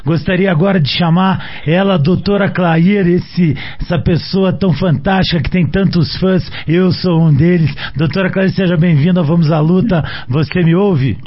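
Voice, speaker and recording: Male host, Brazilian Portuguese accent, highish voice, effusive and flowery, dull lo-fi audio. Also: moderate pace, hardly any pauses. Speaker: programme host. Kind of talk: informal spoken introduction of guests.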